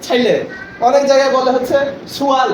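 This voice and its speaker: A man's voice: very high-pitched, level tone, fast. Man teaching in an echoey classroom. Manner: explains by example, often checks understanding. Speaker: teacher trainer. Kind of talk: classroom lecture. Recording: echoey room from far off, noisy.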